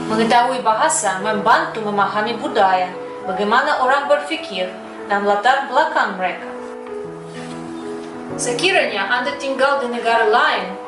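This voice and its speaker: A middle-aged woman from Moscow, a native Russian speaker with a Russian accent, gives a prepared personal testimonial as a foreigner speaking fluent Indonesian-Malay. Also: on the high side. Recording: roomy, distant mic, music behind.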